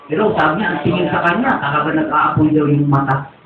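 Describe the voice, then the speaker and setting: A man's voice: on the high side, fast, crowd noise. A man preaching in a church, telling a rambling personal testimony as a sermon. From Philippines. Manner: rambling storytelling. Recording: tinny echoey distant church recording.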